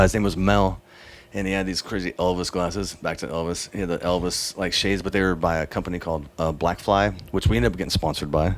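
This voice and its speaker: A man from Texas, a guest musician telling a lively story in a casual studio interview, swearing freely and acting out other people's lines. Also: low voice. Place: recording studio.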